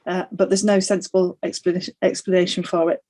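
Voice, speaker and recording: A woman's voice: fairly low pitch, flat delivery, fast, dark tone. A woman sonographer answering questions earnestly on a panel debate over a video call, with emphatic points and some restarts.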